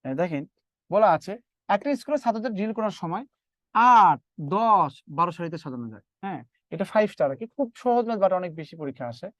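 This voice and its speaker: Fast, lively male math teacher. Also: high voice, no room sound. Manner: repetitive, quizzing students, talking through sums. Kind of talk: live online math lecture.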